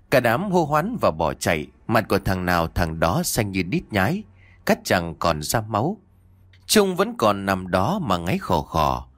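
A man narrating a scripted ghost story with lively, dramatic storytelling. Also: fairly low pitch, dry recording.

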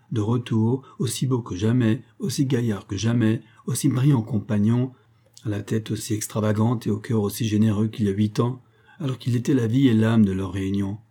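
A man narrating an audiobook with lively, ironic storytelling. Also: on the low side, breathy edge. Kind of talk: scripted narration.

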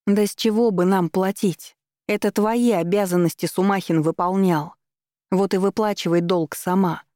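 A woman's voice: mid-range voice, fairly even intonation, moderate pace, dark tone, no echo, studio quality, lightly acted. A woman voicing a bitter, defiant young heroine confronting her mother.

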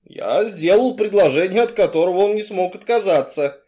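A male reader playing a sly, gruff crime boss who mocks and blusters when pressed. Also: high-pitched, lively intonation, moderate pace, darkish tone, voice pushed up. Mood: mocking, blustering. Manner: mocking, blustering, evasive.

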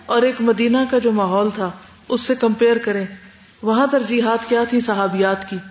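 A woman's voice: fairly high pitch, steady tone. Woman teacher lecturing in a roomy hall. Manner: explains in short listed points and rhetorical questions. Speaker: religious studies teacher. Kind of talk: classroom lecture answering students. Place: lecture room. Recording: roomy classroom, dull sound, faint hum.

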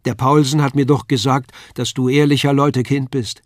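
A fussing, kindly old master's wife, as a male reader puts her on, with a soft lilt. She talks warmly and a little louder than the narration. The voice sits in a middle pitch and is recorded close and dry. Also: little pitch movement, moderate pace, no echo, lightly acted. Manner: warm, motherly, bustling. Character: kindly elderly woman, a craftsman's wife. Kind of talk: audiobook character voice.

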